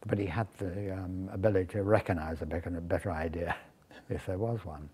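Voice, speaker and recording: A man in an interview, reflecting on a director in a measured, thoughtful way with pauses. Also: low-pitched, fairly even intonation, dark tone, slightly rough. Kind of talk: interview recollection.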